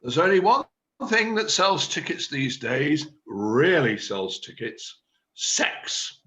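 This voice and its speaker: A man's voice: fairly high pitch, big pitch swings, slow pace, pushed and bright, full character voice. A man playing a pompous scheming drama chairman. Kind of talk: amateur play reading. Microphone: video call.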